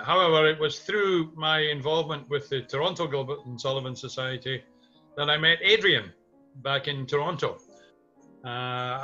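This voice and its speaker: This Scottish-accented interviewee, aged 60 or older, directs music for community theatre and looks back on the past with thought and some hesitation. His slightly high voice comes across pushed and bright. The webcam audio from his small home room is muffled, with music beneath it.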